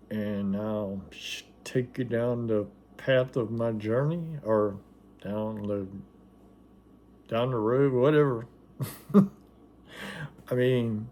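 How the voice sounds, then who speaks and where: A man talks casually to the camera at a middling pitch. His words come out a little wet and slurred around new dentures. He rambles in a folksy, self-deprecating and hesitant manner, sounding slightly loopy. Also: darkish tone. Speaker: vlogger documenting a personal experience.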